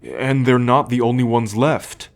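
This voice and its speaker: In this ASMR roleplay, a young man plays a protective, troubled werewolf, his medium-pitched voice gravelly. He speaks earnestly, measured and halting, as though confiding something.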